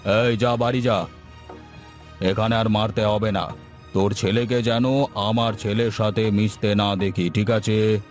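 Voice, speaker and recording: A man's voice: fairly low pitch, flat delivery, a little slow, faint music behind, lightly acted. A man voicing an arrogant rich village landowner who orders the poor around with contempt. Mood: commanding. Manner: domineering, contemptuous.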